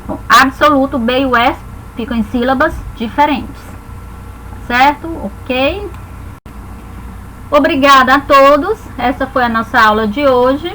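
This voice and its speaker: A woman's voice: high-pitched, a little slow, pauses often, pushed and bright, a little hiss or hum, rough recording. A Brazilian woman teaching a grammar lesson, explaining patiently and spelling words out syllable by syllable.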